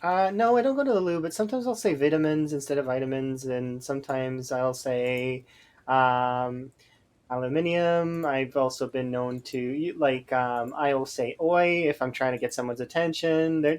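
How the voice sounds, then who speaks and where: A man's voice: medium pitch, a little slow. A Canadian man chatting casually while streaming a game, rambling with lots of hesitant fillers. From Alberta, Canada.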